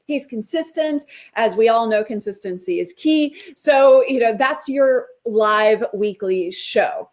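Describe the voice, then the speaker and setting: A woman's voice: on the high side, slow, hardly any pauses. A woman guest on a talk show, explaining her work in an upbeat, explanatory way. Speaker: guest, live video strategist. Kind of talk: interview answers.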